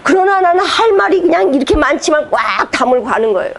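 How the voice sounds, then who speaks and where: A woman's voice: high-pitched, animated, fast talker, slight background noise. A woman pastor preaching a sermon, emphatic and direct, firing rhetorical questions at the congregation and slipping between formal preaching and casual speech.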